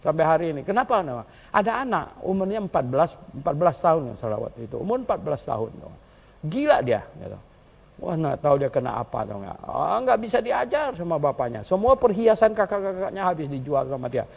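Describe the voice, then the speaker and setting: A male pastor preaching a sermon in a colloquial style. He tells a story and often chuckles, and he swings between quiet asides and loud calls to the congregation. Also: fairly high pitch, big pitch swings, fairly quick, vocal fry. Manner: colloquial, chuckles while telling stories.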